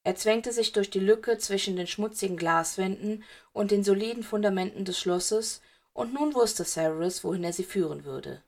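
Woman reading a story aloud, steady. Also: medium pitch, normal speed. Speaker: audiobook reader. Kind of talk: reading fan fiction aloud.

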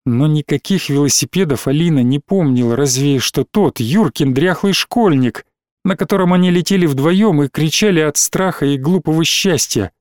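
A man reading a story aloud in a measured, expressive way. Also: on the high side, dry recording, clean studio sound. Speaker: narrator. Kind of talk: scripted audiobook narration.

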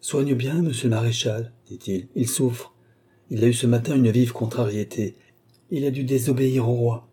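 A man reading the part of a shrewd, loyal male secretary, speaking in a measured, confiding way. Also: mid-range voice, dark tone, breathy edge, natural voice.

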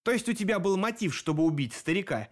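A man reading an audiobook, voicing a sly, mocking male demon investigator who talks quickly. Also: sits high, sing-song, voice pushed up. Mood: probing.

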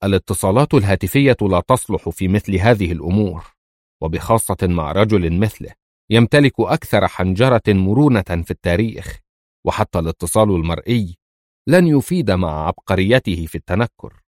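A man's voice: deep voice, a little fast, darkish tone, no echo, studio quality. A man doing a stern, commanding woman gang leader. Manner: harsh, imperious, clipped orders.

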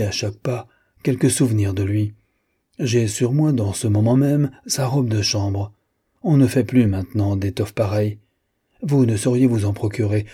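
A man voicing a vain, fussy wealthy gentleman who talks in a pompous, condescending way. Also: mid-range voice, breathy edge, natural voice.

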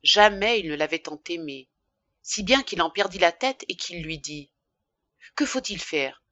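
A woman narrating a classic novel for an audiobook in an expressive, measured reading. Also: fairly low pitch, dry recording, dull audio.

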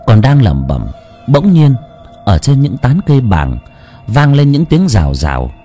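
A man's voice: medium pitch, huge pitch swings, unhurried, warm tone, soft background music. A man narrating a ghost story dramatically.

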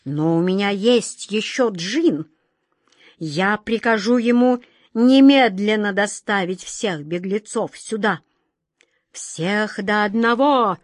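A woman's voice: medium pitch, expressive, slow, dry recording, clean studio sound. A woman voicing a pompous, easily flustered old king who gives orders in a storybook reading. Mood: commanding. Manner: imperious, whiny, easily flustered. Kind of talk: storybook character voice.

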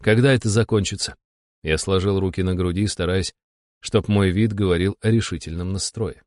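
A man's voice: sits low, fairly even intonation, moderate pace, darkish tone, dry recording. Man narrating an audiobook, dry sound. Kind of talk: first-person scripted narration.

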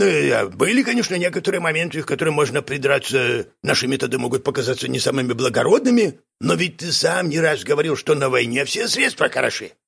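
Guy doing a husky crackly con man, smarmy and wheedling. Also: fairly high pitch, a bit bright, pitched above the performer's own voice, exaggerated voice. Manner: wheedling, self-important. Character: sly big-eared male swindler, smooth-talking.

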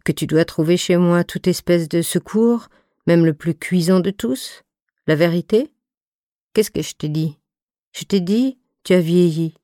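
A woman reading the part of a stern but motherly fifty-two-year-old friend, speaking in an even, soft, deep voice. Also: unhurried, no echo, studio quality, close to an everyday voice. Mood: posé. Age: 50s. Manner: voix égale et douce; ton de voix profond. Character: femme de cinquante-deux ans, amie sévère et maternelle. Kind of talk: scripted audiobook reading.

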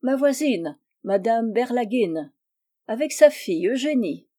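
A woman's voice: on the high side, lively intonation, a little slow, warm tone. A woman reading aloud, voicing a proud, touchy provincial spinster who plays hostess, in a prim, affronted manner. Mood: effusive.

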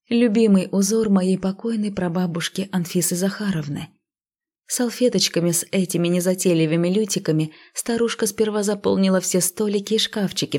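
A woman reading a fantasy audiobook in the first person, lively and gently ironic. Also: medium pitch. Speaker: audiobook narrator.

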